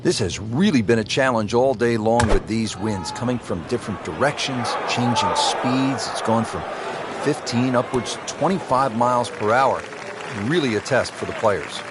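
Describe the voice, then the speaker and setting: A man doing play-by-play commentary on a golf broadcast, with a smooth, measured announcer delivery. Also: medium pitch, lively intonation, noisy background. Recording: game broadcast with music behind.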